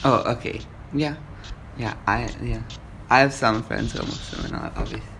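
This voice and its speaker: A man's voice: medium pitch, huge pitch swings, moderate pace, creaky, a bit bright. A man interviewing someone in a casual phone call, speaking in a friendly, reassuring way. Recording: noisy background.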